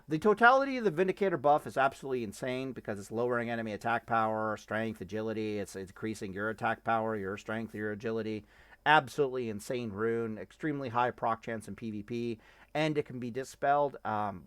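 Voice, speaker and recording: A man's voice: on the low side, animated, brisk, fairly bright tone, no room sound. A man giving casual, rambling commentary on a game, cursing and interrupting himself as he tests things. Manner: rambling, profane, self-interrupting. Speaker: gaming streamer.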